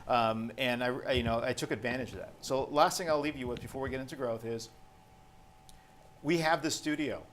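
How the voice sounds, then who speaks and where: A man's voice: mid-range voice, fairly quick, slight background noise. A man hosting a panel, casually telling a long anecdote and acting out the dialogue of the people in it. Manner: animated, acts out quoted dialogue.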